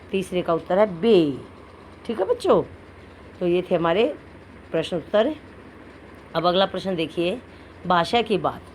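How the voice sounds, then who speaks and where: A woman teacher explaining a lesson to children, drawing out syllables slowly as she goes through each word. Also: lowish voice. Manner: slow, explaining, drawn-out syllables. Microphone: phone. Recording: screen-recorded phone audio with faint noise.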